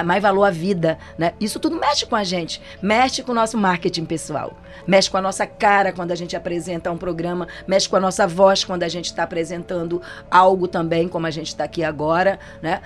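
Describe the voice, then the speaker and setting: A woman's voice: on the low side, steady tone, a little fast, soft background music. A Brazilian woman giving a casual motivational talk as a business trainer, chatty and often checking in with her listeners. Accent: Brazilian Portuguese. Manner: chatty, frequent tag questions. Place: studio set for a program.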